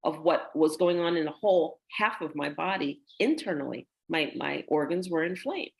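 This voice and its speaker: A woman's voice: deep voice, moderate pace, vocal fry. A woman, a guest, telling her story in a conversational way and acting out the people she quotes. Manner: animated, acts out quoted dialogue.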